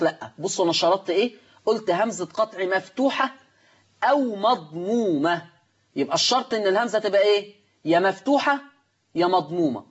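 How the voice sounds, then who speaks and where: A man with an Egyptian Arabic accent teaches recitation at a board, asking the class questions and answering them himself. His voice sits high and a little husky, and he talks fast. The lo-fi recording sounds dull.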